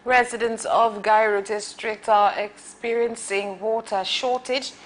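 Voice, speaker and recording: A woman news anchor reading scripted stories in an even, formal way. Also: fairly high pitch, measured pace.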